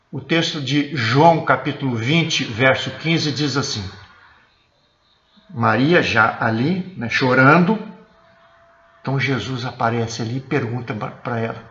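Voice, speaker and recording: A man's voice: mid-range voice, fairly bright tone, highs cut off. Brazilian man teaching a sermon in an echoey church. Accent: Brazilian Portuguese. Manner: explanatory, often checks in with the listeners. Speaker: church elder preaching. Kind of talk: teaching sermon for an online service. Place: church, indoors.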